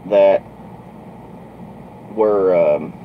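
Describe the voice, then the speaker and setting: A man's voice: sits low, very slow, phone-quality sound, slight background noise. A man, a truck driver, telling a story in a blunt, profane, drawling way from his truck cab. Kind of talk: casual storytelling.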